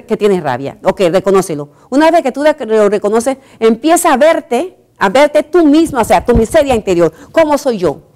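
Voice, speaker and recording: A woman's voice: mid-range voice, a little mellow. A woman giving a televised catechesis talk in an earnest manner, posing rhetorical questions and repeating phrases for emphasis.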